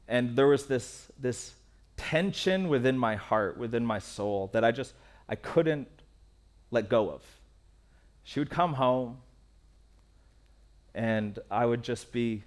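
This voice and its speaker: A man, a pastor, giving a sermon in an earnest, candid way, repeating key phrases for emphasis. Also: medium pitch. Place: church stage.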